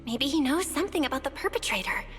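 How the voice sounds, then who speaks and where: A woman playing a curious, expressive young female protagonist in a video game. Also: sits high, fast talker, soft background music. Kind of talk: video game character acting.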